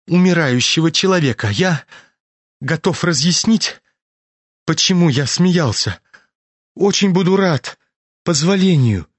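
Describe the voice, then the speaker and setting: Guy reading as a dying young man, hoarse and quiet, ironic and calm. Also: a little high, no echo.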